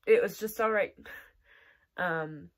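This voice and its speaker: A woman's voice: mid-range voice, takes it slowly. A young woman chatting casually about the books she read this month, with lots of "like" and "um" and some laughter. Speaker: book vlogger. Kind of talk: casual monthly reading wrap-up.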